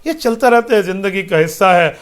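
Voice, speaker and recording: A man's voice: sits high, animated. A man answering listeners' religious questions as a mufti, speaking emphatically with rhetorical questions and repeated parallel phrases.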